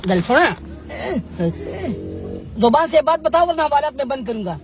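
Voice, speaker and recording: A man's voice: very high-pitched, lively intonation, measured pace, over music. A man, coaxing and pleading in a mock-tearful street confrontation. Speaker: street interviewer.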